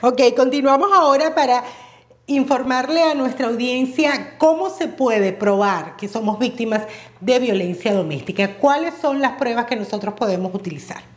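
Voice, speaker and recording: A woman hosting a conversational interview, asking measured questions with occasional hesitation fillers. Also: on the high side. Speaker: interview host. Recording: roomy sound with faint music.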